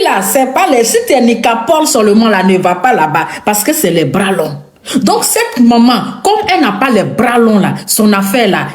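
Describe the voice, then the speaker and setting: A woman with an Ivorian French accent giving a confrontational rant to camera. She repeats her lines for emphasis and throws insults. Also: fairly high pitch. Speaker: online commentator. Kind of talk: angry direct-to-camera rant. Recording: echoey room.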